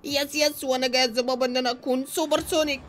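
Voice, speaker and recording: Brief: excitable Egyptian gaming host, high voice, racing delivery. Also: male voice, racing, a little hiss or hum. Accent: Egyptian Arabic. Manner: excitable, exclamatory. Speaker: YouTube gamer host. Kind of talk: narrating a game movie.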